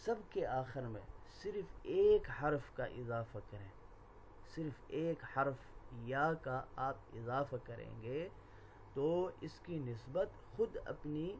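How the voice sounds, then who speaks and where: A male language teacher who says each Arabic word slowly and clearly, repeats every phrase twice, and explains in quick asides. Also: medium pitch, darkish tone, slight background noise. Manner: pronounces Arabic words slowly and deliberately, then explains quickly. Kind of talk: language lesson.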